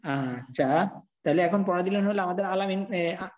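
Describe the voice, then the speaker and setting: A man teaching a Quran reading class, patiently correcting students and spelling out letters slowly. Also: sits high. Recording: dull lo-fi audio.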